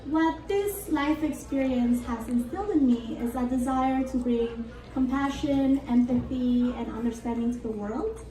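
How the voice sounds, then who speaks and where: High-voiced woman speaking in a roomy hall. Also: unhurried, warm tone, recorded from a distance. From Argentina. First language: Spanish. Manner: earnest and reflective, with light laughs. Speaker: conference speaker. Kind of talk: prepared motivational talk. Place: conference hall.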